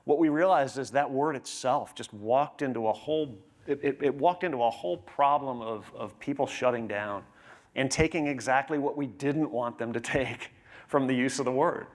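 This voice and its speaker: A man's voice: medium pitch, moderate pace. A man speaking on stage at a conference, presenting to fellow professionals in a conversational way and often checking in with tag questions.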